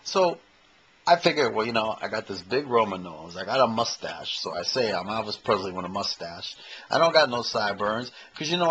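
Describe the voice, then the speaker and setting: A man's voice: mid-range voice, a bit bright, slight background noise, poor audio. A man in his fifties doing a rambling, self-mocking comedy monologue to a camcorder in his own room. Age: 50s. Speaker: amateur comedian and impersonator. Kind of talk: stand-up comedy monologue to camera. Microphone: handheld camcorder mic.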